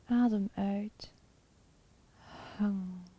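Soft whispering woman guiding meditation, very slow. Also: mid-range voice, dry recording. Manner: soft, breathy, half-whispered spa-like delivery; slow, calm, soothing, with pauses. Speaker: meditation guide. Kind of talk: guided chakra meditation.

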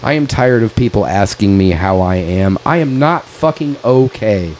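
A man's voice: fairly low pitch, animated, moderate pace, darkish tone, slight background noise, poor audio. A man in his late thirties, co-hosting a casual podcast, swearing a lot and calling everyone dude. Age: 30s. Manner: profane, calls everyone dude, venting frustration. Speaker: podcast co-host. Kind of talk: casual chat.

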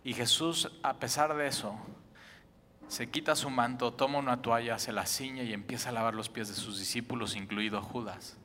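Pastor guy preaching, bright cutting voice, goes loud then real quiet, big reverby church. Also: medium pitch, fairly even intonation, moderate pace, a little hiss or hum. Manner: swings between loud emphatic and hushed passages. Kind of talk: preaching a sermon. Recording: long reverb of a large hall.

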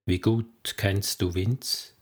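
A man's voice: fairly low pitch, steady tone, slow pace, husky. A man reading an audiobook, voicing a wary woman investigator who asks persistent, probing questions. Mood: calm. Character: wary adult woman, federal police investigator.

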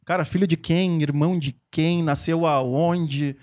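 A man's voice: fairly high pitch, steady tone, measured pace, a little mellow, no room sound. A man hosting a casual podcast, chatting in a playful, teasing, slangy way. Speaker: podcast host. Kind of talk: casual podcast interview chat.

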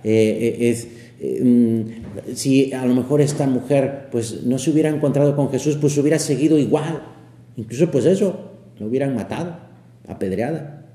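A man preaches a homily at an unhurried, easy pace. His voice is dark and mellow, and it rings with the long echo of a big hall. He talks in a conversational way, pausing often to check in with his listeners. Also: a little high. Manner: conversational, with many fillers and tag questions. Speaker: priest. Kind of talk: homily on the Gospel. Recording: echoey hall with long reverb.

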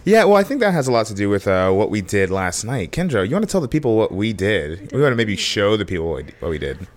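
Male podcast co-host, hoarse and deep, easygoing and filler-heavy. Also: big pitch swings, fast. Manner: speaking low to spare his voice. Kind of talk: casual chat.

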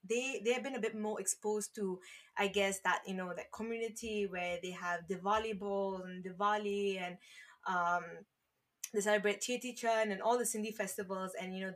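A Malaysian woman who founded an online community page appears as a podcast guest in a casual interview. Her medium-pitched, slightly bright voice comes across as earnest, and she rambles with lots of "you know" and restarts.

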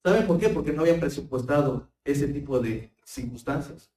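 A fervent man preaches a sermon, his fairly high voice rising as he presses his point. He stands well back from the microphone, and the church hall around him rings with echo. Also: normal speed, dark tone. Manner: fervent, repeats words and addresses the congregation as brethren. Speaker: pastor. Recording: roomy sound, voice far from the mic.

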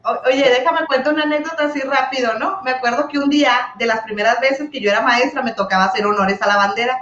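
A woman teacher co-hosting a casual chat, telling lively anecdotes. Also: sits high, quick pace, echoey room, muffled recording, a little hiss or hum. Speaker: teacher, co-host.

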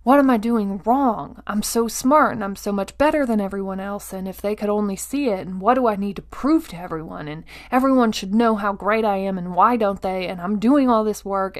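With repetition, rhetorical check-ins, and carefully placed pauses, a woman podcast host gives an emphatic motivational monologue aimed directly at the listener. Her voice is medium in pitch.

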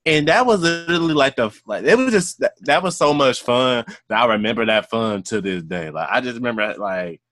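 A man in his twenties co-hosting a casual podcast chat, talking in a relaxed, rambling way with lots of fillers. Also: mid-range voice, a little fast, hardly any pauses, dry recording. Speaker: podcast co-host.

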